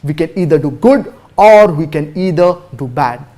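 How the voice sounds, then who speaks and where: A man giving a religious lecture and answering questions. He cites chapter and verse, recites Arabic quickly, then translates slowly with emphasis. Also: on the high side, expressive, dark tone. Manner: formal, measured, cites chapter and verse numbers. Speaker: Islamic preacher answering viewer questions.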